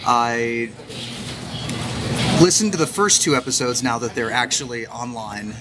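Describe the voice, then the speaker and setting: Relaxed chatty man amid loud noise. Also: mid-range voice, unhurried. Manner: relaxed, chatty, self-deprecating. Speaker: podcast co-host. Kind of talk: casual chat. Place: Japanese supermarket. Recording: loud noisy shop recording.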